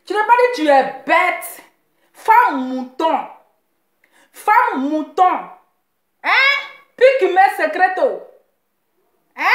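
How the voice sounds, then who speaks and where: A woman's voice: very high-pitched, a bit bright, reverberant. A woman hosting a live show, teasing and mocking in a sing-song voice, repeating her phrases.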